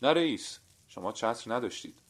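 A man's voice: fairly low pitch, natural voice. A man voicing a humble, hospitable shoemaker who speaks deferentially in an audio story. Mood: obliging. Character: friendly humble male shoemaker.

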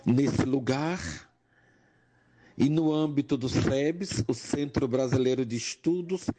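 Older Pernambucan man, nurse-educator; slow, measured testimony with rising emphasis. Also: medium pitch, mellow. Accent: Pernambuco Portuguese. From Brazil, Pernambuco. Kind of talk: personal testimony monologue.

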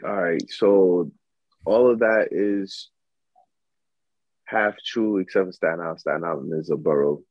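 Husky low-voiced man, laid-back. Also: measured pace, pauses often, no room sound, dull audio. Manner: laid-back, musing, slangy. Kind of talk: casual chat.

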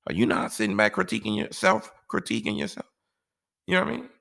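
A man's voice: medium pitch, wildly swooping pitch, fast, creaky, sharp tone. A man talking casually and giving life advice in a laid-back, rambling way, often saying "you know".

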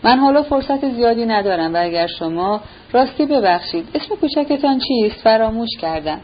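A woman reading the lines of a gentle, absent-minded young prince who speaks firmly but politely, in a storybook reading on a dull recording. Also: fairly high pitch, animated, a little hiss or hum, lightly acted.

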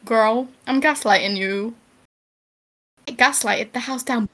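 A young woman co-hosts a loose chat over an online voice call. Her voice sits a bit high and she talks unhurried and slow. She is crude and joking, swearing freely as she goes. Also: very noisy. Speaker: podcast co-host. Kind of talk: casual chat.

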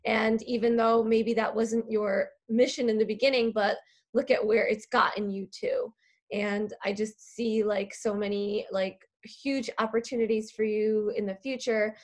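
A woman's voice: on the high side, steady tone, unhurried. A woman hosting a podcast, interviewing a guest with lots of enthusiasm. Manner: enthusiastic, gushing. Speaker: podcast host. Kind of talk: casual interview chat.

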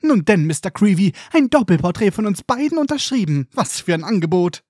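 A man's voice: sits high, sing-song, fairly quick, darkish tone, dry recording, studio quality. A man voicing a vain, theatrical celebrity teacher with a pompous, fatherly manner.

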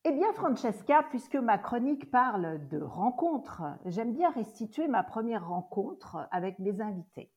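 A woman hosting a podcast interview as a coach, speaking in a measured way with small hesitations. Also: fairly high pitch, big pitch swings, darkish tone. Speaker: host and coach. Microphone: remote interview recording.

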